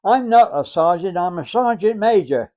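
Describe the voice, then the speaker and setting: A man's voice: sits high, expressive, moderate pace, dark tone. A hundred-year-old man voicing a big, brusque sergeant major in a spoken war memoir, curt and commanding. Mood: brusque, stern.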